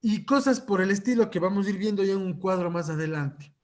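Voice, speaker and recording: A man's voice: high voice, a little fast. A man lecturing at a conference on psychological first aid, checking in with his audience through frequent rhetorical questions.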